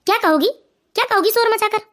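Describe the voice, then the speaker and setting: A woman's voice: very high-pitched, quick pace, fairly bright tone. A woman voicing a smug, sleazy young son-in-law in a cartoon, with a mocking, scornful manner. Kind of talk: cartoon voice acting.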